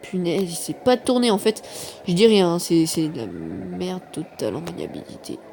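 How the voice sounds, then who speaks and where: A man's voice: high voice, expressive, normal speed, creaky, darkish tone, a little hiss or hum. A man giving casual commentary over his mobile gameplay, rambling and poking fun at himself, recorded on a phone microphone. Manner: rambling, self-mocking, many fillers. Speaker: mobile game YouTuber. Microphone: phone microphone during screen recording.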